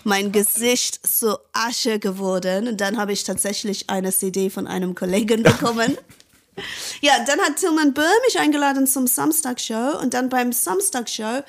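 A woman's voice: fairly high pitch, normal speed. A woman from Britain with an English accent, a native English speaker, chatting animatedly as a guest and reading her own story aloud, often repeating words as she searches for them. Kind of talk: casual chat and reading aloud.

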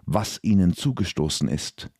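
A man's voice: sits low, lively intonation, moderate pace, darkish tone, breathy edge, no room sound, studio quality, exaggerated voice. A man voicing a distraught young elf woman who speaks with urgent resolve. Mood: resolute.

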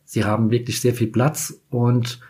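A podcast host from Kaiserslautern in Germany, telling a personal anecdote in a relaxed, rambling way. His voice is somewhat husky and sits at an ordinary middle pitch for a man. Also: measured pace. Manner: chatty, meandering, self-correcting. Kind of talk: casual storytelling anecdote.

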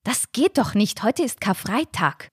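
A woman's voice: mid-range voice, flat delivery, a little fast, no echo, clean studio sound, close to an everyday voice. A woman voicing a strict, pious older mother who speaks sharply and hisses her words. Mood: indignant. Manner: sharp, hissing, voice cracking.

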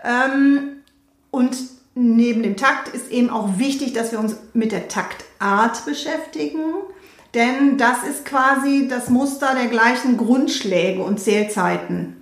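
A woman with a somewhat high voice hosts a relaxed conversation, steering the topic and asking follow-up questions. Her voice carries a noticeable room echo. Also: slow. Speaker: host. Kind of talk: casual podcast conversation. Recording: roomy echo.

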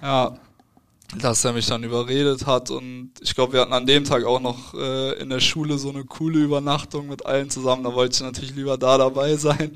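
Flat, smooth-voiced young man. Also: medium pitch, a little fast. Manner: relaxed, hesitant with fillers and restarts. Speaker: football player, guest. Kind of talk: casual interview answers.

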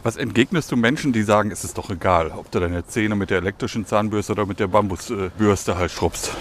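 A man's voice: lowish voice, fairly quick, slight background noise. A man interviewing someone outdoors, asking short questions. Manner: brief, asks questions. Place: outdoors on a street.

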